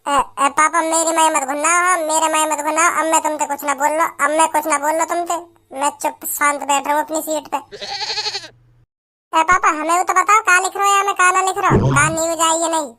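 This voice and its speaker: An actor voicing a cheeky, sharp-tongued village boy in an animated comedy cartoon, with a shrill, mocking way of talking. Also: quick pace, few pauses, full character voice. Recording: light background music.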